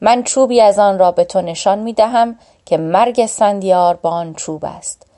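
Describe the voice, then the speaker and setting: Lady reading as a wise mythical giant bird, solemn and instructive, mellow voice, storybook. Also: mid-range voice, lightly acted.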